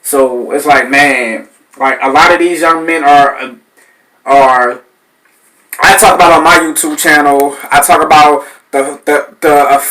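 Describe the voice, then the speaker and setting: A man, hosting a podcast and telling stories in a loose, animated way, cursing and acting out voices. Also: on the high side, rough recording. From New Orleans, Louisiana. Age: 30s. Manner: animated, swearing, acts out voices in his stories. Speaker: podcast host. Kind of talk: casual storytelling.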